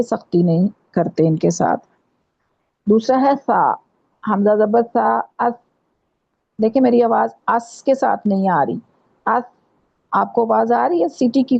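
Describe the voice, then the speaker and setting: A woman with a Pakistani Urdu accent teaching Quran pronunciation in an online class, patiently repeating letters slowly to demonstrate. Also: medium pitch, vocal fry, breathy edge. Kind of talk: online tajweed lesson. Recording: dull lo-fi online class audio.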